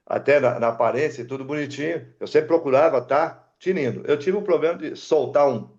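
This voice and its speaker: This older Brazilian guest, an aircraft mechanic, has a fairly high voice and talks a little fast, though the recording is muffled. He's telling stories in a relaxed conversation. Lively throughout, he acts out what each person said.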